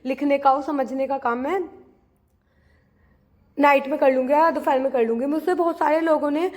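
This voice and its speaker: In her study vlog, a young woman from India who is preparing for a teaching exam chats earnestly and informally with viewers, using many fillers and restarts. She speaks at a normal pace in a high-pitched, steady, somewhat mellow voice.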